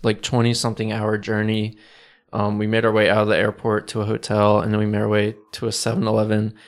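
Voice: medium pitch, completely flat delivery, fast talker. A co-host telling a funny travel anecdote in casual chat, often laughing and swearing lightly.

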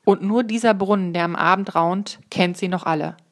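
Woman reading a quiet, wistful storybook boy, soft and lowish. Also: moderate pace, lightly acted. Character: gentle sad boy, a quiet young friend.

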